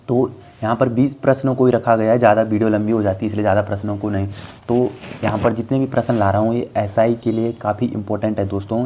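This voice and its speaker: A young male tutor with a mellow, darkish voice that sits a little low. He walks viewers through a grammar lesson step by step, patient and explanatory, calling them friends as he goes. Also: slight background noise. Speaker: exam tutor. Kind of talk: Hindi grammar lesson for exam aspirants.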